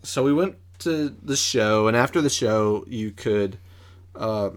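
A man's voice: lowish voice, a little slow, smooth. A man co-hosting a casual podcast at home, telling a story with lots of hesitation, ums and restarts. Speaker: podcast co-host. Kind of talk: casual chat. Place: at a table at home.

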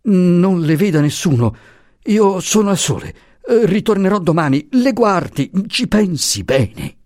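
A man reading aloud and voicing a high-strung older professor who pleads in a hurried, anxious manner. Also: sing-song, a little mellow, no echo, clean studio sound. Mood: urgent pleading.

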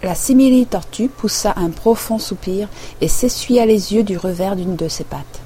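A woman narrating a storybook chapter in a calm, even reading voice. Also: mid-range voice, moderate pace, a little hiss or hum. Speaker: audiobook narrator. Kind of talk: scripted narration.

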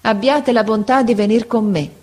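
A woman voicing a frail, gentle old male schoolteacher in an audiobook, speaking slowly and tenderly. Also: on the high side, voice pushed up, natural voice. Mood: warm, nostalgic. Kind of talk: audiobook character voice.

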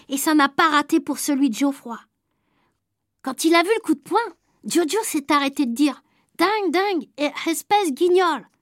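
High-voiced woman reading a children's story. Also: no room sound, studio quality. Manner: lively, childlike first-person telling. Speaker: audiobook reader. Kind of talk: storybook narration.

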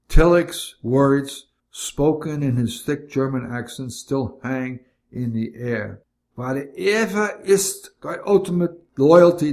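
A man's voice: medium pitch, a little mellow. Older man reading his memoir. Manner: measured, reflective reading. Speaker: narrator of his own memoir. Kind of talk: scripted memoir narration.

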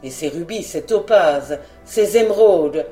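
A woman voicing a pompous, greedy male aristocrat in a storybook reading, with a deepened voice. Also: animated, measured pace, dark tone, soft background music. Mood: pleased. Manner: pompous, enthusiastic.

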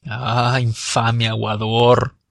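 A man's voice: mid-range voice, flat delivery, extremely slow, creaky, a bit bright, no echo, clean studio sound, heavily acted. A man voicing a flustered rich older notary with a head cold, who talks through his nose and turns his s sounds into sh. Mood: furious. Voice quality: nasal, lisping s as sh. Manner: indignant, blustering.

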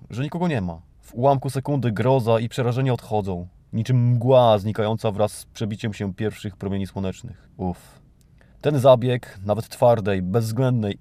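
Warm and medium-pitched, this podcast host from Poland performs a scripted satire, reading news items aloud and ridiculing them with theatrical, mock-grandiose irony. The recording is dry.

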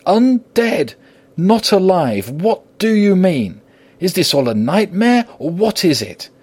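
A man reading an audiobook voicing a proud, indignant young gentleman in agitated, pleading outbursts. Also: on the low side, lively intonation, measured pace, no echo. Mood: anguished.

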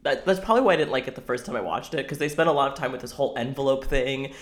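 A man's voice: mid-range voice, expressive, racing. Exasperated, swearing young man ranting. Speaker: podcast co-host. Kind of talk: casual chat.

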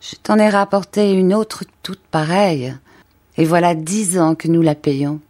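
A woman's voice: on the low side, steady tone, unhurried, dark tone, close to an everyday voice. A woman reading aloud voices a worn-out, once-pretty poor wife, speaking plainly and earnestly. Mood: confessing.

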